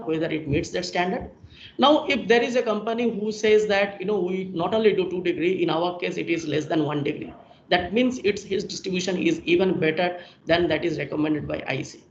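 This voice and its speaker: A man giving a technical presentation on a video call, explaining each point step by step and summing up, heard through a screen recording. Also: high-pitched. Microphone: computer mic on a video call. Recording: echoey, dull video-call audio with faint hiss.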